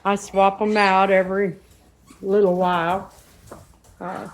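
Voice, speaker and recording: Woman dog breeder, relaxed slow delivery, rambling chat at home. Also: mid-range voice. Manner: chatty and rambling, breaks off to scold her dogs. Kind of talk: casual home vlog. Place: living room at home, indoors. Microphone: handheld camera or phone.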